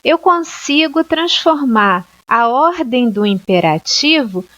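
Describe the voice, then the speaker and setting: A Brazilian woman teaching an English lesson, explaining grammar slowly and clearly and often checking with "ok?". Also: high voice, expressive, a bit bright. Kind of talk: online language lesson. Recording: dull lo-fi sound.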